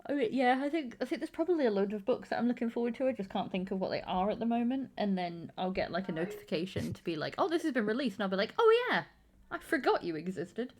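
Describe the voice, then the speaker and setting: A woman hosting a casual book chat stream, talking fast and acting out her own reactions in quoted voices. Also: medium pitch, animated, a little mellow. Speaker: stream host.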